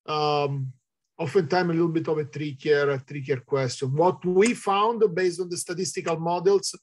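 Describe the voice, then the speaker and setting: A middle-aged Italian man with a matching accent answers audience questions in an online talk, heard over a video call from indoors with a virtual background. His voice is a little high at normal speed, he hesitates with many fillers, and there's slight background noise.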